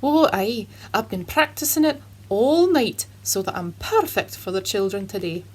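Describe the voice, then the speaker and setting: A woman doing a husky Scottish storyteller man. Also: medium pitch, big pitch swings, normal speed, poor audio. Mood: cheerful. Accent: Scottish (put on). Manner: earnest, dramatic narration. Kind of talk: children's Bible storytelling.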